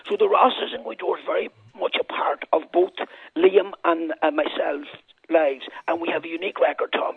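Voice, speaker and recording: A man in his sixties with a northwest Irish accent, telling anecdotes of his life in a lilting, discursive storyteller's way, with a husky voice. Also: a little high, no room sound. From Ireland, County Donegal and Fermanagh. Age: 60s. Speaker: interview guest. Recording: narrow, dull radio sound.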